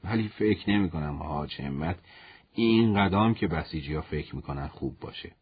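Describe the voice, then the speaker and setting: A man voicing a calm, humble male war commander who teases gently, in a storybook reading. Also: low voice, narrow, tinny audio, slight background noise, voice pushed down. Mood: teasing. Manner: gentle, teasing.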